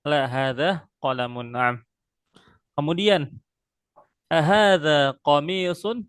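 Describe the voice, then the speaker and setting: Here a male Arabic teacher, his voice fairly high, slightly bright and smooth, drills a student patiently and slowly in an online one-on-one lesson. He frequently adds pious interjections, and the recording is dry and close.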